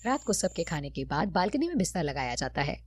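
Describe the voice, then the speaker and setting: A woman's voice: low-pitched, very animated, brisk, a little mellow. Woman narrating a cartoon story.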